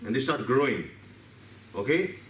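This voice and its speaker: A man's voice: mid-range voice, very animated, normal speed, fairly bright tone, a little hiss or hum. A man from India, giving a seminar talk and telling stories to a live audience, asking them questions as he goes. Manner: storytelling, asks the audience questions, acts out his cells. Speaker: seminar speaker. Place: meeting hall. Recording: roomy hall from a distance, faint ambience.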